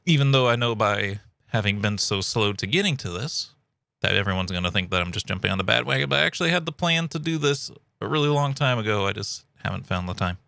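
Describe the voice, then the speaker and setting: A man's voice: on the low side, expressive, fast talker, gravelly, sharp tone. A man giving casual, chatty commentary as a video host, recorded up close at home.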